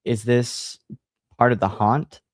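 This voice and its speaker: A man's voice: medium pitch, fairly even intonation, takes it slowly, no room sound, clean studio sound, lightly acted. A man reading aloud and voicing a meek, stammering little girl who makes movies. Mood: timid. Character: timid young girl who loves making movies.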